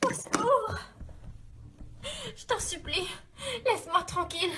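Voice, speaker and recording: A woman's voice: extremely high pitch, takes it slowly, pushed and bright, slight background noise, voice pushed up, heavily acted. A woman voicing a frightened young female fairy, pleading desperately in an amateur audio drama. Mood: terrified, pleading.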